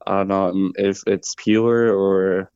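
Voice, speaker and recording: A man's voice: sits low, little pitch movement, slow pace, a little mellow, clean tone, dry recording, lo-fi sound. A man in his twenties from Colombia, a native Spanish speaker talking in English as a podcast guest. He talks hesitantly, with many fillers and restarts. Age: 20s. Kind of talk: interview conversation.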